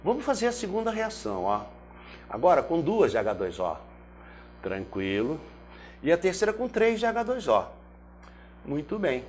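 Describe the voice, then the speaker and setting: Lively Brazilian chemistry teacher, animated. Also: male voice, fairly high pitch, normal speed, pauses often, a little hiss or hum. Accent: Brazilian Portuguese. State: throat briefly irritated. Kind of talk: lively classroom lecture.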